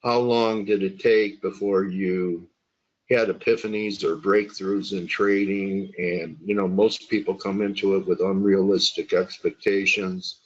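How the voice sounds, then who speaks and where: A man hosting a trading webinar interview rambles warmly into his questions, full of uhs and you-knows. His voice is fairly low with fairly even intonation and a measured pace, and the audio sounds dull and muffled, like an online call.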